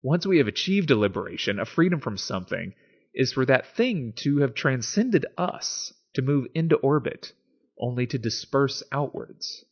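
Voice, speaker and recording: This man's mid-range voice is husky and animated, at a normal speed, and the recording's highs are cut off. With music in the background, he hosts a casual video essay, explaining and theatrically reading philosophy with emphatic delivery.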